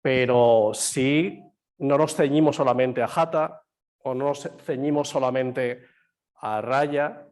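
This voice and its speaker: Guy teaching yoga over a video call, a bit hoarse, explains slow and asks the class stuff. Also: mid-range voice, fairly even intonation, darkish tone. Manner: explains patiently, quizzes students, many fillers. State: slightly hoarse. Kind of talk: online class lecture. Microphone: computer mic on a video call.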